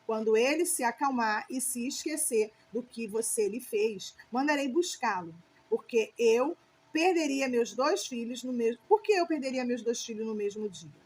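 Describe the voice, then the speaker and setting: Worried protective mother, high voice read by a woman. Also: expressive, moderate pace, a little mellow, slight background noise, natural voice. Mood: urgent.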